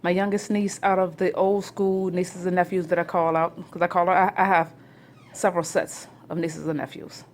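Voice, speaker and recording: Rambling, lower-voiced woman vlogging at home. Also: normal speed, a little hiss or hum. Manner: chatty and rambling, rising to loud excited bursts. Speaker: family vlogger. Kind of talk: rambling home vlog chat. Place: home, near the kitchen.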